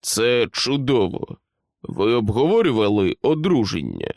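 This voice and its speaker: Man as stern general, menacing, clipped commands, measured, lively intonation. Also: mid-range voice, creaky, no echo, clean studio sound, exaggerated voice. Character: stern middle-aged male general, coldly menacing.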